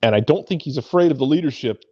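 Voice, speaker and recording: A man with a slightly high, lively voice talks fast as a soccer pundit on a talk show, offering casual analysis and hammering his points home with repeated phrases. There's no room sound, and the lo-fi audio is a touch dull.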